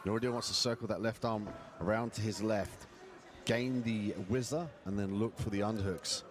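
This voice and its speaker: A man's voice: lowish voice, steady tone, normal speed, a crowd in the background. A man giving technical live fight commentary as an analyst.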